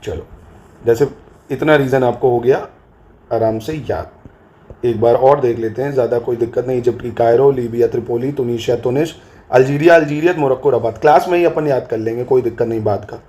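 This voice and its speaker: A man's voice: mid-range voice, fast talker, mellow. A male teacher giving an exam-prep geography lesson, asking questions and repeating the answers in a call-and-response drill, sometimes spelling words out letter by letter, with a Hindi accent from Uttar Pradesh.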